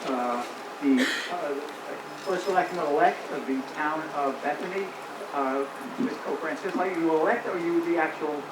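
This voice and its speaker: A man acting as master of ceremonies, making informal introductions in a halting way as he searches for words. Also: on the high side. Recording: roomy, distant mic, loud ambient noise.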